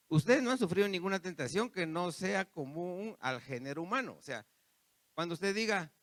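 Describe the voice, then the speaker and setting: A man's voice: on the high side, fairly bright tone, dry recording. A man preaching a sermon, repeating phrases and turning to the congregation with asides. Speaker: pastor.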